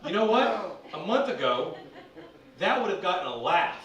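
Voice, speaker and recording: A brash man performs stand-up with a high, bright voice, cursing freely and breaking into shouted bits. The sound is roomy and reverberant, like a small club stage, with the voice set back from the microphone. His delivery is loud and punchy. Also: sing-song, normal speed, far from the mic. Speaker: stand-up comedian.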